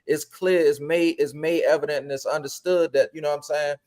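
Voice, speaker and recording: A man talking on a podcast, animated and profane, repeating phrases for emphasis. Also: a little high, brisk. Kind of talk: casual podcast chat.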